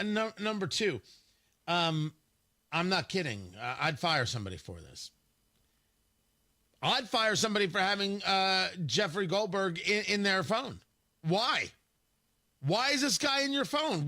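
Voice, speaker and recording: A man's voice: sits high, bright, forceful tone. A man hosting a talk radio show, delivering a combative, scornful political monologue with frequent restarts.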